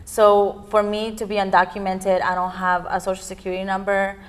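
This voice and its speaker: A young Peruvian woman who works as a youth immigrant activist answers interview questions earnestly, with lots of ums. Her mid-range voice is monotone and a little fast.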